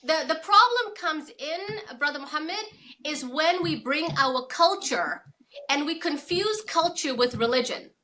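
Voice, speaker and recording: Forthright female guest from South Africa with a bright, high voice; emphatic delivery. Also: lively intonation, measured pace. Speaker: guest author. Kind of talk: interview conversation.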